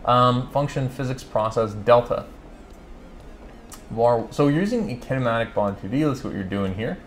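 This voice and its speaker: A man from California hosting a casual live coding stream, chatting and thinking aloud, reading code out slowly with lots of fillers and self-corrections. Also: mid-range voice, animated, a little hiss or hum. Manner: reads code aloud slowly while typing. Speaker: livestream host answering coding questions.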